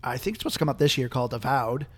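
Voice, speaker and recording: A young man hosting a casual gaming podcast, chatty and quick to laugh, with plenty of filler words. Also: mid-range voice, lively intonation, a bit bright, husky. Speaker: podcast host.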